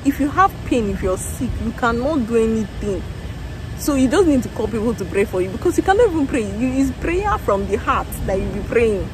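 A young woman, tired after a factory shift, telling her day in an animated casual vlog into a phone held at arm's length outdoors. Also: a little high, fairly quick. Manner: tired, animated storytelling with laughs and exclamations. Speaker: vlogger. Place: outdoors in a parking lot beside a factory building. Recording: phone outdoors with traffic noise.

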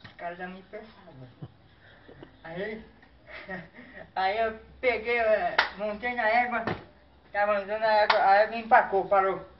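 A man telling a comic story as a clown, animated and full of exaggerated exclamations and sound effects. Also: high-pitched, moderate pace. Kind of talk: comic storytelling duo routine. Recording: distant, dull mic with faint noise.

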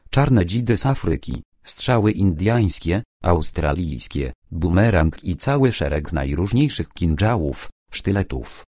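A man narrating a crime audiobook in a steady, expressive reading. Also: sits low, no room sound, clean studio sound. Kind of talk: scripted narration.

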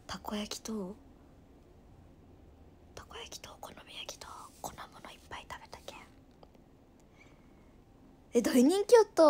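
A woman in her twenties from Nagasaki, chatting casually on a livestream with a Nagasaki dialect, reading viewer comments aloud and often dropping to a soft murmur. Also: mid-range voice, a little hiss or hum. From Nagasaki, Japan. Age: 20s.

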